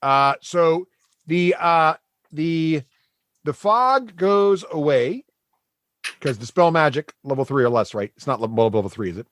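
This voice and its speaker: A man running a tabletop game, narrating casually and haltingly as he thinks aloud as game master. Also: on the high side, animated, fairly bright tone, dry recording.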